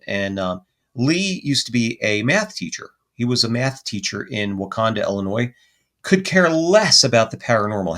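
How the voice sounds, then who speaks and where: A guest on a podcast, this male paranormal investigator rambles animatedly through a story, stopping to correct himself now and then. He speaks in a mid-range voice.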